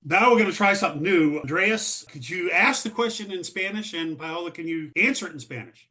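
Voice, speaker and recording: A man hosting a science podcast interview, upbeat and welcoming, slowing down to stress key words. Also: high-pitched, sharp tone. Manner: upbeat, welcoming, slows for emphasis. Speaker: podcast host and journal editor.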